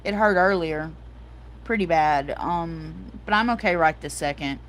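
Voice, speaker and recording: A woman's voice: sits low, unhurried, slight background noise. A middle-aged woman hosting a casual livestream, telling stories animatedly and calling her viewers y'all. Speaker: livestream host.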